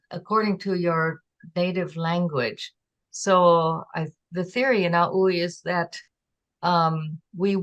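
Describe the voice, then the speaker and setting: A woman giving an online lecture on a constructed language, explaining slowly with pauses and sounding out example words. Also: lowish voice. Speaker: presenter teaching a constructed language. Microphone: video call.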